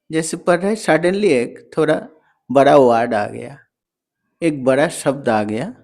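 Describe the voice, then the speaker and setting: Slow, higher-pitched man teaching. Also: darkish tone. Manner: slow, explanatory, sounds out syllables. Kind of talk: motivational talk to parents.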